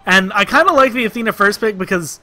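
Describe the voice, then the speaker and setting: A man co-casting a video game match, giving steady analysis of team picks and bans. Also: high-pitched, fast, dry recording, faint music behind. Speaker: esports co-caster. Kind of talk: esports casting commentary.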